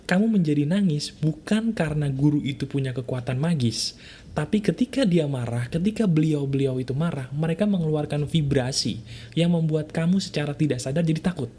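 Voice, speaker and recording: A man with a mellow, warm voice gives a motivational talk straight to the listener. He speaks casually and directly, tossing out rhetorical questions and tag words. He hammers his key points home by saying them again. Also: fairly high pitch, breathy edge. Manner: insistent, repeats key points.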